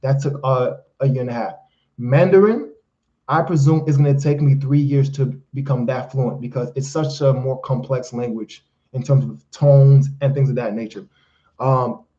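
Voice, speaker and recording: This medium-pitched man has a warm tone, and his recording's highs are cut off. As a life coach whose first language is Haitian Creole, he hosts a live-stream Q&A full of emphatic, sermon-like motivational advice, calling his listeners "fellas" and "brother."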